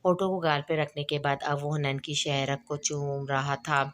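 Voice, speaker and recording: A woman reading a romance novel aloud in steady narration, with small slips and restarts. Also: low voice, moderate pace, slight background noise. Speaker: audiobook narrator.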